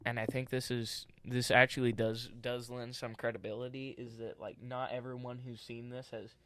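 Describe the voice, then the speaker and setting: A man's voice: medium pitch, flat delivery, normal speed, fairly bright tone. A young man co-hosting a casual podcast, joking playfully and throwing in goofy asides. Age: young adult. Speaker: podcast co-host.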